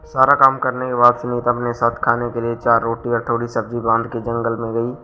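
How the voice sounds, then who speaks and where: A man narrating a scripted moral story in an even, steady way. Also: medium pitch, a little fast, highs cut off, soft background music.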